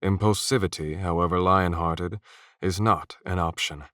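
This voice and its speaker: Man voicing a quiet, resolute knight. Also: sits low, steady tone, normal speed, no room sound, clean studio sound.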